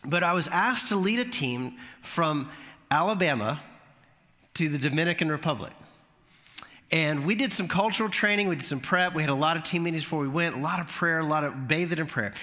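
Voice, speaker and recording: A man preaching a sermon, telling a lively story and rising in pitch at the funny moments. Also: fairly quick. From Florida. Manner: animated storytelling, voice climbing high at punchlines. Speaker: pastor. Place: church sanctuary. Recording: long hall reverb.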